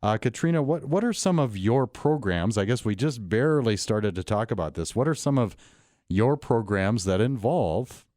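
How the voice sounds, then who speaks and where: A man's voice: fairly low pitch, animated, moderate pace, warm tone, dry recording, studio quality. A man hosting an interview, asking rambling questions with many stops and restarts. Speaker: radio show host.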